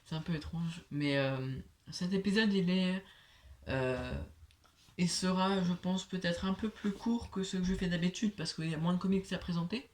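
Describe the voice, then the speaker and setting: Young man with a slushy lisp. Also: high voice. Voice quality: slushy lisp, s sounds like sh, from braces. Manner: halting, hesitant, filler-heavy. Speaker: host of a comic book collection video series. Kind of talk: casual vlog presentation.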